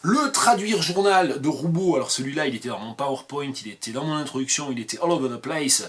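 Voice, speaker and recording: A man with a southwestern French Landes accent talks to camera without a script, at a middling pitch for a man. He thinks out loud and wanders off on side paths. He pokes fun at himself as he goes. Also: expressive, brisk, slight background noise. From southern Landes, France. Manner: digressive, self-mocking, thinking aloud. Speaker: academic video blogger. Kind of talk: improvised talk to camera.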